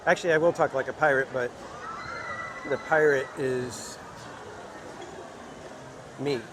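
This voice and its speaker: Male livestream host, mid pitch, relaxed rambling chat, walking outdoors, heavy park noise behind. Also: a little slow. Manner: relaxed, rambling, chatty with viewers. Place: outdoors in a busy theme park.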